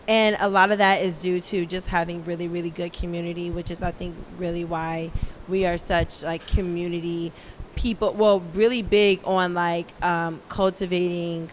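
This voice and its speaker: A woman's voice: on the low side, slight background noise. A woman hosting a casual interview show, rambling with lots of fillers and restarts. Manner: rambling, filler-heavy, laughs often. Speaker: talk show host.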